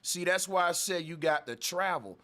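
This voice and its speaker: Male panel host, pitched a bit high, pushy and emphatic, interrupts constantly. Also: lively intonation, moderate pace, sharp tone. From United States. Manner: interrupts, emphatic, repeats phrases. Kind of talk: heated casual debate.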